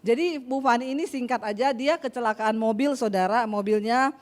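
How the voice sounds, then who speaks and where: A woman's voice: fairly high pitch, normal speed. A woman preacher delivering an emphatic sermon to a congregation.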